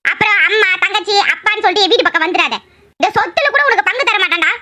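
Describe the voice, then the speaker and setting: A stern cartoon mother who lays down the law in a very high, bright voice, as a woman puts her on. She scolds fast and hard, with emphatic threats, in an animated drama. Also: exaggerated voice. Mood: scolding. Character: stern, domineering middle-aged mother. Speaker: voice actor.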